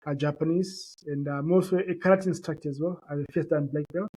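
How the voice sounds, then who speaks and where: In a rough recording, a Shona-speaking Zimbabwean founder gives an earnest interview that works as a conversational business pitch, repeating words and using many fillers. He talks at a quick pace in a slightly high, dark, husky voice with fairly even intonation.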